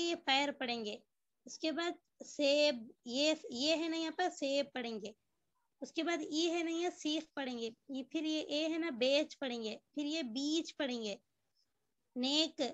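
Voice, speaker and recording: A woman with a high-pitched voice teaches a reading lesson, drilling word lists. She patiently repeats example words and poses questions that she answers herself. The recording is dull, dry, and lo-fi, with no room sound.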